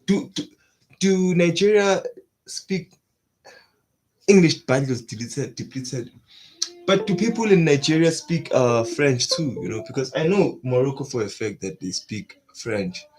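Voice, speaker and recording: A young man hosting an anime reaction, chatting casually in slang and breaking into excited bursts. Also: on the high side, measured pace.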